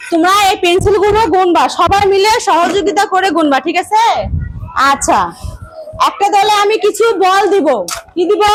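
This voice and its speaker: A woman from Bangladesh teaches small children in a classroom, and her voice sits very high. She is patient and repeats each instruction, asking the class questions as she goes. A faint hiss runs under the recording.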